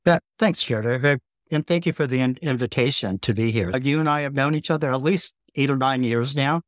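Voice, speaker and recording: A middle-aged man from the Bay Area, a city councilmember speaking as a guest in an interview, explaining things in a steady, informative way. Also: mid-range voice, fairly quick, no room sound, clean studio sound. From San Francisco Bay Area, California. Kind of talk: interview conversation.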